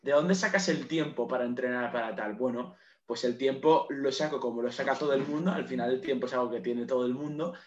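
A late-teen man talks in a loose, digressive way, cursing now and then as he wanders off topic. His voice sits at an ordinary pitch and sounds roomy and a little dull on a lo-fi recording. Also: fairly quick. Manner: rambling, digressive, swears casually. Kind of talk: casual chat.

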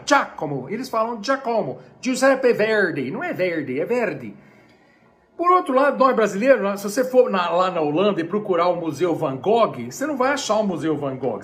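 A man's voice: high voice, a bit bright. A Brazilian man with a Brazilian Portuguese accent giving a chatty, digressive music lecture on a live stream from home. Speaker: music teacher.

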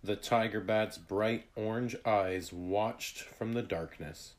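Deep, unhurried male narrator for a children's story read-aloud. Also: over loud music. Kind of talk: reading a children's book aloud.

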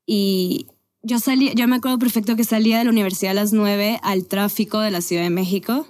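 A woman in her twenties from Venezuela, a podcast guest talking candidly and casually about her life, with quick self-corrections. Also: mid-range voice, fairly even intonation, darkish tone. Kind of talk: casual conversational storytelling.

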